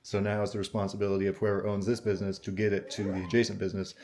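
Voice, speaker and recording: Male vlogger, slightly low register, casual storyteller, puzzled and conversational. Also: level tone, racing, a crowd in the background. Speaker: vlogger telling an anecdote.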